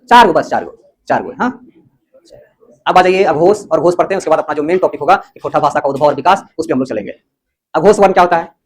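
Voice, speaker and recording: A man from teaching a language class, explaining step by step and checking that the students follow. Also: fairly high pitch. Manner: explains slowly, keeps checking the class understands. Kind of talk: classroom lecture.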